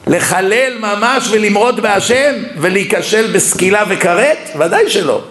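In a reverberant lecture hall, a rabbi with a fairly high voice preaches a sermon to his audience. He keeps it lively, weaving humorous personal stories and anecdotes into his public lecture.

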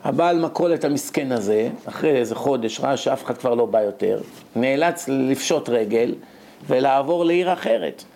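A man telling a moral story to children in a lively way, acting out the characters as he goes. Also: medium pitch, vocal fry. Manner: animated, acts out characters.

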